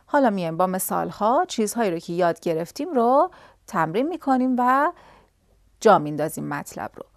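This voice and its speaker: A woman's voice: medium pitch, big pitch swings, no echo, studio quality. A woman teaching a grammar lesson, explaining step by step and answering her own questions. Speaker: language teacher.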